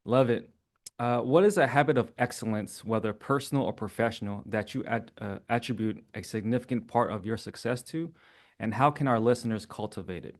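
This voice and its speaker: A man's voice: medium pitch, fairly quick. A man hosting an interview, casually agreeing with his guest, laughing along and asking questions. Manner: affirming, laughs along often. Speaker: podcast host.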